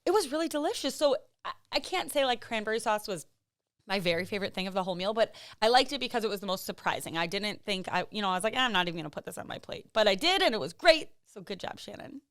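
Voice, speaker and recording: A woman's voice: mid-range voice, expressive, fast talker, a bit bright. A woman, co-hosting a podcast in chatty casual talk, laughing often. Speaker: podcast co-host. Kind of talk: casual chat.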